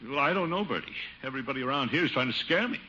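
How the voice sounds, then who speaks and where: Pompous blustering windbag. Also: male voice, mid-range voice, lively intonation, rapid-fire, bright, forceful tone, muffled recording. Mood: blustery. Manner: boisterous laugh, blustering then nervously talking to himself. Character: pompous middle-aged male water commissioner, blustery and easily rattled. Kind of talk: 1950s radio sitcom acting. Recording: hissy old radio broadcast recording.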